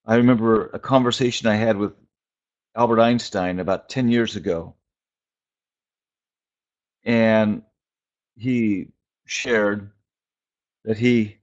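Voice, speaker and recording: Speaking informally on a phone conference call, a male preacher and spiritual teacher offers a reflective prophetic sermon in clipped, halting bursts broken by lengthy pauses. His voice is fairly low in pitch. The recording has the dull, narrow-band quality of conference call audio.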